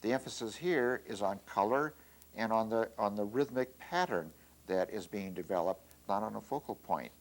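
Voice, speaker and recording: A middle-aged man with a somewhat low voice gives an art lesson while he demonstrates. He speaks in a relaxed, halting way, often pausing on fillers and restarting his phrases. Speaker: art teacher. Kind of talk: instructional demonstration.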